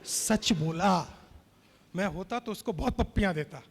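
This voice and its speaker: In a convention hall with audible reverb, a male keynote speaker delivers a motivational speech, telling anecdotes and urging the audience to respond. His voice sits high and is gravelly with a breathy edge, and he speaks unhurriedly.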